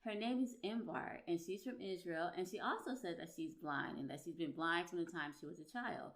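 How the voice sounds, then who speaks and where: A woman's voice: lowish voice, brisk. A woman hosting a faith podcast, who talks with eager, emphatic enthusiasm. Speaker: podcast host and relationship coach. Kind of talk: upbeat podcast interviewing.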